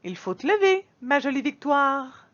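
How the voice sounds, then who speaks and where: A woman reading as a gentle, loving mom. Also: high voice, huge pitch swings, moderate pace, highs cut off, voice pushed up, heavily acted. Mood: tender.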